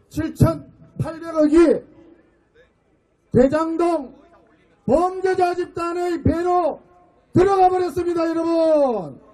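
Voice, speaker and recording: Shouting middle-aged man with a deep-toned high voice. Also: low-quality recording. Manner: shouting, rhetorical questions to the crowd, emphatic pauses. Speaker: party floor leader giving a rally speech. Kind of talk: fiery political rally speech.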